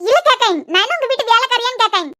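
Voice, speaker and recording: Sharp-tongued young cartoon wife, sarcastic and curt, Kanyakumari Tamil accent, played by a woman. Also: very high-pitched, lively intonation, rapid-fire, dry recording, clean studio sound, heavily acted. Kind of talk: cartoon web series voice acting.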